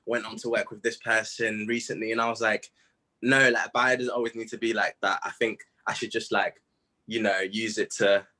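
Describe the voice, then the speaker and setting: This young adult guest, a musician from Zimbabwe, talks at a normal speed on a video call, his fairly low voice level and sharp. It's a casual interview chat, and he's slangy, easygoing, and quick to laugh.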